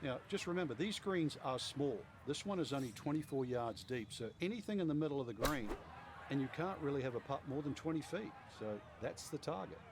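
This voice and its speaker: A man's voice: medium pitch, animated, a little fast, very noisy, close to an everyday voice. A man as a golf commentator in a video game, giving instructive expert analysis of the shots. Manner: explanatory, instructive.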